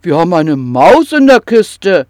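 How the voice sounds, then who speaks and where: A storyteller voicing a bossy old female troll who talks in a loud, scolding way. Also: medium pitch, sing-song, unhurried, no echo, clean studio sound.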